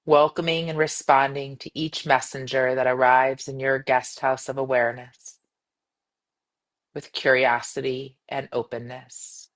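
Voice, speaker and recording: Woman, yoga nidra guide, guided meditation, gentle, soothing, measured phrases, long pauses. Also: rumbling low, little pitch movement.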